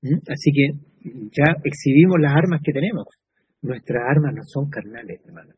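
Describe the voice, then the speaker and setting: Chilean guy preaching, very husky voice, dry sound, talks to the flock casually. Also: on the high side, moderate pace, no echo, narrow, tinny audio. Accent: Chilean Spanish. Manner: conversational preaching with fillers and tag questions. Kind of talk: sermon.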